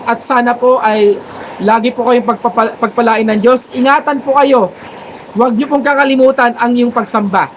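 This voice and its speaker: A man telling a faith story as a motivational vlogger, earnest and polite, with a gently preachy tone. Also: extremely high pitch, steady tone, normal speed, slight background noise, poor audio.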